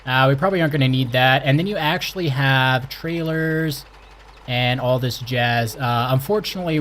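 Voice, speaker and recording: A young man from Canada hosting his gaming channel, chatting excitedly and exclaiming as he plays. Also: medium pitch, slight background noise. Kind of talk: casual game commentary.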